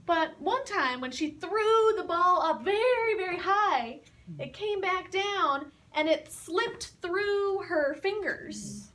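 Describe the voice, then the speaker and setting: Brief: patient woman teacher, high voice, very slow pace, mic set back with a faint hiss. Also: animated, a bit bright, distant mic. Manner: patient, repeats and explains words. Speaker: English teacher telling a story. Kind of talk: slow story retelling with word explanations.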